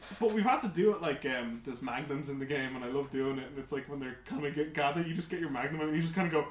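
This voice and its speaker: A man co-hosting a casual gaming podcast, telling rambling, animated stories full of "like"s. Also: a little high, fast. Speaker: podcast co-host. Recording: roomy with faint hiss.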